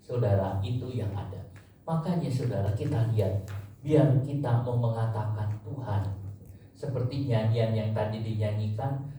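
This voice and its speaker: A man's voice: fairly low pitch, moderate pace, mellow, slight background noise. A man preaching a sermon as pastor, speaking emphatically and often addressing his congregation directly. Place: church hall. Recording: echoey church hall from far off, faint ambience.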